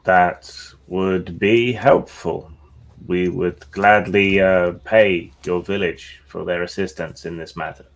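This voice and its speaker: A man's voice: sits low, steady tone, slow pace. A man voicing a polite cleric adventurer who addresses strangers in formal, diplomatic speech. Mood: courteous.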